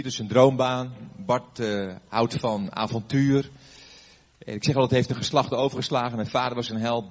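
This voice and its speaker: A man's voice: medium pitch, muffled recording. An older man, a pastor, giving a sermon before a live audience, telling a story conversationally with fillers and questions to the listeners.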